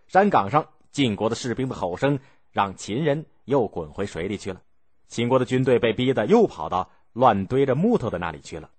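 A man narrating a historical story, animated and acting out the characters' lines as he goes. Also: medium pitch, husky.

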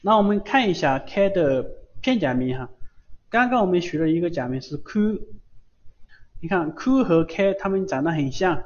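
A man's voice: high-pitched, animated, moderate pace. A man teaching Japanese syllables in a live online lesson, patiently repeating each sound over and over. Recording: dull lo-fi stream audio.

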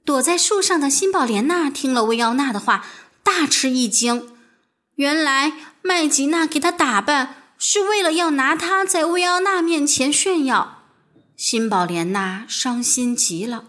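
A woman narrating a children's story with an expressive, sing-song storybook delivery. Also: high voice, unhurried.

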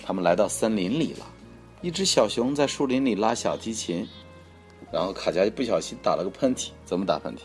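Very low-voiced woman reading a story. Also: lively intonation, fairly quick, darkish tone. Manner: patient, coaxing, prompting questions. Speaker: parent reading to a child. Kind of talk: bedtime story reading with a child. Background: faint music.

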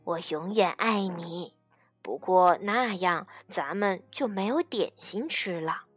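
Lady doing a gentle mom voice, lower and softer, patient, slow and calm. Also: breathy edge, dry recording, soft background music, heavily acted. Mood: tender. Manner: soft, gentle reassurance. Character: loving, patient mother.

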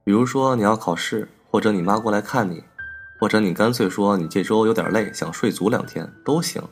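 A rattled young man, pitched well above the storyteller's own gravelly low register, as a male narrator puts him on. His words tumble out fast and pressing, one demand for an answer after another, over faint music. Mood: agitated pleading. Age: young adult. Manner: agitated, rapid, pressing questions. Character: anxious young man pleading with his boyfriend.

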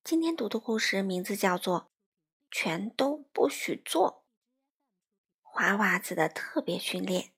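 A woman reading a children's picture book aloud to young listeners in a gentle, unhurried way. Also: medium pitch, big pitch swings, breathy edge.

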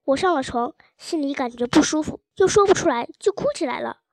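A woman reading a childhood story aloud in a gentle, even storytelling manner. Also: sits high, a little fast, no room sound, clean studio sound. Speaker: audiobook narrator.

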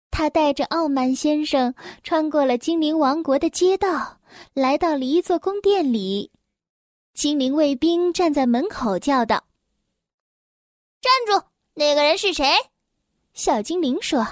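A woman reading a children's storybook aloud, slow and expressive. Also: sits high, no room sound, studio quality.

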